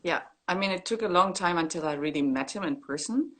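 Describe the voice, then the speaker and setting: Low-pitched woman, candid and loose, video-call guest. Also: fairly quick. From East Germany. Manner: relaxed, candid, with frequent fillers and laughs. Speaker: graffiti artist guest. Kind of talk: casual video-call interview. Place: indoor room at home. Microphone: laptop webcam on a video call.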